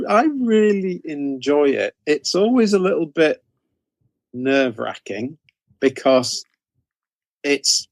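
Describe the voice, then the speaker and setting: A medium-pitched man, captured in a dry recording, gives relaxed interview answers as a guest who writes books and edits anthologies. He explains things hesitantly, often going back to repeat or fix what he said.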